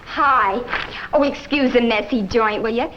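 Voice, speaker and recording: A woman's voice: on the high side, a little slow, highs cut off, close to an everyday voice. An actress playing a brassy, defiant young woman who talks in coarse street slang, in a 1950s TV drama.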